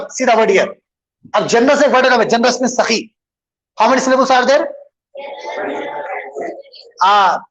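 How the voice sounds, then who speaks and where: A man's voice: very high-pitched, low-quality recording. A man teaching an English grammar lesson, switching between English and Hindustani and answering his own questions as he goes. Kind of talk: bilingual classroom lesson.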